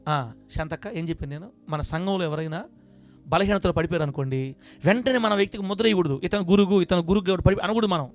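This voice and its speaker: A high-voiced male pastor delivers a fast sermon to his church congregation, moving between quiet, confiding asides and loud, emphatic bursts. Soft music plays faintly in the background.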